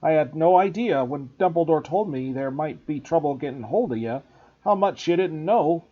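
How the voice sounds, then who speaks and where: A man voicing a huge, rough-spoken, kindly giant with a loud, gruff, folksy way of talking. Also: on the high side, expressive, normal speed. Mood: worried. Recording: dull lo-fi recording.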